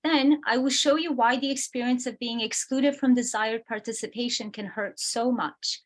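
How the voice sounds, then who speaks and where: Woman speaker from Romania, slightly high voice, measured lecture delivered over a video call. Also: steady tone. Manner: measured, explanatory, reads from slides. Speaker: guest speaker. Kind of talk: prepared lecture.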